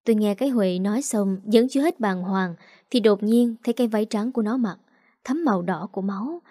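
Casting: woman narrator, dramatic and confiding, mellow dark tone, dry close sound, soft music behind. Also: medium pitch, a little fast, dry recording. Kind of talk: first-person storytelling narration.

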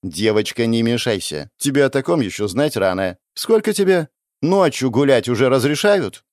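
Man doing a sneering horned young woman, haughty, condescending, raised and lively pitch, dry sound. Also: normal speed, dry recording, natural voice. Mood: mocking. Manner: mocking, condescending.

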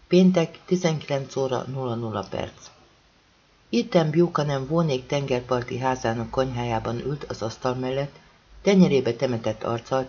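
A man narrating an audiobook in measured scripted narration, dropping low on grave words, in a dull lo-fi recording. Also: a little mellow, husky.

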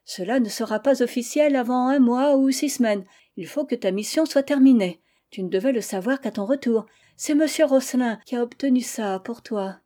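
A woman's voice: fairly high pitch, normal speed, warm tone, close to an everyday voice. A woman reading aloud voices a flustered young wife guarding a secret, breathless, stammering and pleading. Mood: confiding.

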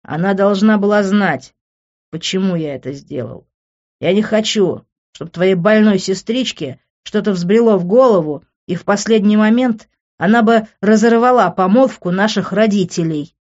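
A reader voicing a hot-headed young man who shouts in rage and turns cold and bitter. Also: medium pitch, normal speed, lo-fi sound, pitched above the performer's own voice, lightly acted.

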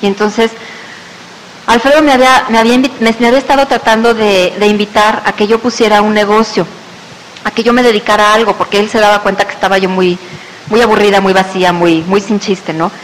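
A woman's voice: medium pitch, a little fast. A woman with a Mexican Spanish accent telling a personal business testimony, acting out the voices of the people in her story. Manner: lively storyteller who acts out quoted voices. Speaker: speaker sharing a business testimony. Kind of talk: personal testimony told to an audience. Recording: reverberant hall with faint hiss.

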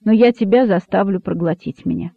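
A man reading an audiobook, voicing a wise, sad old rabbit who speaks calmly and gravely. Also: sits high, no room sound. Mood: stern. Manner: calm, grave, measured. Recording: dry, narrow phone-like sound.

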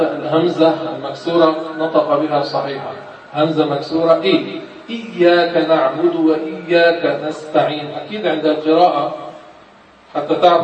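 A man teaching Quran recitation, explaining patiently and sounding out each example slowly. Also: on the high side, a little hiss or hum. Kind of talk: classroom instruction. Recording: distant, echoey, muffled room recording.

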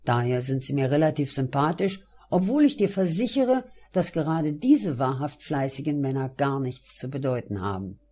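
A man's voice: medium pitch, animated, normal speed, few pauses, darkish tone, close to an everyday voice. A man voicing a young man who scornfully explains things to a friend, in a sardonic tone. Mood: scornful lecturing.

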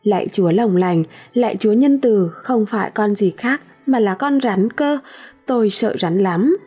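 A woman's voice: mid-range voice, expressive, moderate pace, dark tone, slightly rough, soft background music. A woman voicing a frightened young pregnant woman who cries out in panicked, wailing pleas. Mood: tearful.

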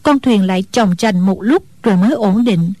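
A woman narrating a martial-arts story in a steady, scripted storytelling manner. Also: mid-range voice, normal speed, no room sound. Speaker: audiobook narrator.

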